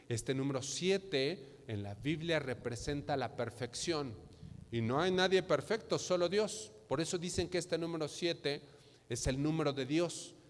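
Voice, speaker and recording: A Mexican pastor delivers a sermon in a voice that sits a little high for a man. He asks his listeners question after question and slips into imagined dialogues. His words ring out with a long reverb from the church hall. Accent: Mexican Spanish. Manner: preaching with rhetorical questions, acting out imagined dialogues.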